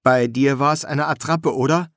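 A man's voice: medium pitch, steady tone, fairly bright tone, dry recording, studio quality, pitched above the performer's own voice. A man doing a hesitant young assassin. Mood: uneasy. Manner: hesitant, subdued, halting. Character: brooding young male assassin student, uneasy.

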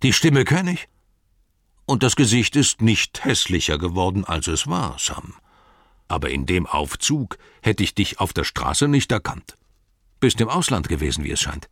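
A man voicing a blunt, hearty older farmer eager for a fight, speaking loudly in a raised voice. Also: sits low, sing-song, moderate pace, dry recording, clean studio sound, heavily acted.

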